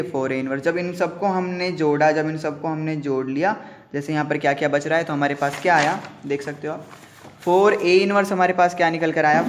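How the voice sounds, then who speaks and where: A man's voice: fairly high pitch, slight background noise. A man with an Indian accent teaching a math lesson, mixing in English terms and working through each step by asking and answering his own questions.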